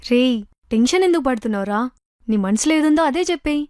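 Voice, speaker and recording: A woman's voice: high-pitched, expressive, fast, a little mellow, no room sound, studio quality. A young woman with a Telangana Telugu accent, playing a friend in a scripted comedy sketch, with a bossy, scolding manner.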